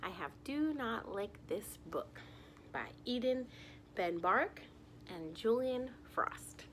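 Slowly and with a fairly high voice that rises and falls animatedly, a young adult woman reads a picture book aloud for little children. She speaks directly to them in an expressive storytime style from a living room. Slight background noise is present.

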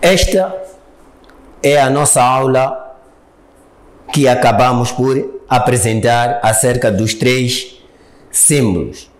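Man, Mozambican Portuguese accent, very slow deliberate spelling, echoey room. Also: medium pitch. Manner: spells letters and vowel marks one by one, with drawn-out syllables. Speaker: Tajwid teacher. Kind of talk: slow spelled-out Quran reading lesson.

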